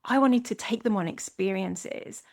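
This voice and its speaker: A Scottish woman hosts a solo podcast, speaking earnestly and reflectively and often restarting her sentences. Her mid-range voice is unhurried and creaky.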